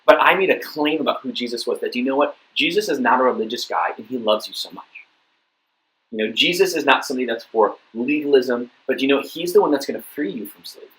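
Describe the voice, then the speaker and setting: A man's voice: medium pitch, lively intonation, quick pace, a bit bright, low-quality recording. A young adult man giving a youth group talk, telling a personal story in a casual way with lots of fillers and restarts. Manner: casual storytelling, many fillers and repeated words. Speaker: youth pastor.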